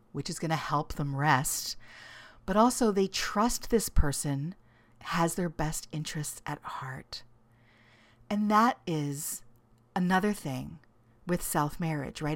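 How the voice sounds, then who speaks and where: A middle-aged woman with a notably low voice talks straight into a close, dry studio microphone. She coaches in a gentle, encouraging way and often checks in with the listener. She laughs easily and sometimes sinks into soft whispered asides. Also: dry recording. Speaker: self-love coach and podcast host. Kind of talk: casual reflective monologue.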